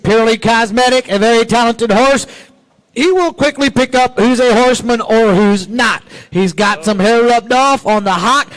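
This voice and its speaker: Male ring announcer, high voice, easygoing lot descriptions. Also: normal speed, fairly bright tone, low-quality recording. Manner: plain conversational, relaying seller's notes. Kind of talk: describing sale lots. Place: livestock auction barn.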